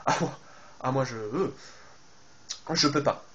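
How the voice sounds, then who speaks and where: A man's voice: medium pitch, takes it slowly, fairly bright tone. A man casually commenting on a game trailer, addressing his viewers and thinking aloud with lots of fillers and restarts. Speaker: video game YouTuber.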